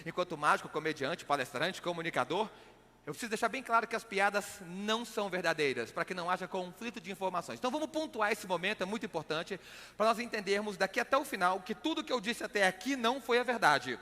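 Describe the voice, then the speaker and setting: The hall's reverb surrounds a high-pitched, expressive and sharp-toned man who talks at a quick pace. A Brazilian from Belo Horizonte with a Minas Gerais accent, he's a magician, comedian and motivational speaker doing comic stage patter, repeating words for emphasis in a conversational showman style.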